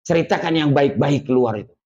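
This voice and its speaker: A man with a Betawi accent giving a sermon as an ustadz to his congregation, folksy and lively, slowing down to stress his warnings. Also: on the high side. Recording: dull lo-fi recording.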